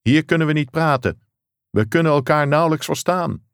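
A man's voice: fairly high pitch, moderate pace, vocal fry, smooth, no echo, clean studio sound, pitched above the performer's own voice. A man voicing an urgent caller on a distant phone line, speaking in clipped, raised phrases, in an audiobook reading. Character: adult male caller from a remote outpost.

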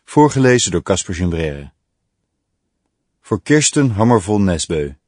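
Male audiobook narrator, measured and deliberate, lowish voice, dry close sound. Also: sing-song, darkish tone, no room sound.

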